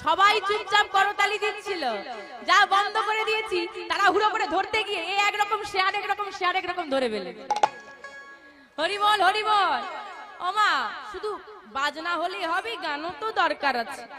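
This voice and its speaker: High-voiced kirtan singer woman. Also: moderate pace. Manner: playful, teasing and coaxing the crowd to chant. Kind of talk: devotional kirtan with audience banter. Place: live stage before a crowd. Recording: live music and crowd noise.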